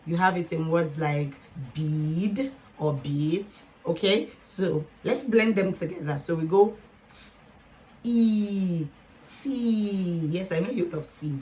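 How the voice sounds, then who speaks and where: Slow, low-voiced phonics teacher woman. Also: a little mellow. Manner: patient, sounds out words slowly, addresses learners directly. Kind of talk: teaching lesson to camera.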